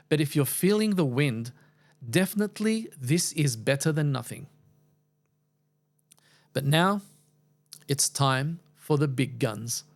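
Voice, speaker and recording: A man narrating a scripted product review as the reviewer, with a wry, playfully exaggerated way of talking. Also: a little high.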